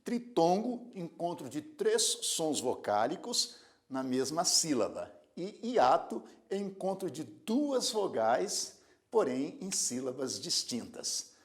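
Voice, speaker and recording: A man's voice: a little high, very animated, takes it slowly. A man teaching a grammar lesson, spelling words out syllable by syllable and telling students to observe. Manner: addresses students directly with repeated prompts to observe. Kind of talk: recorded video lesson.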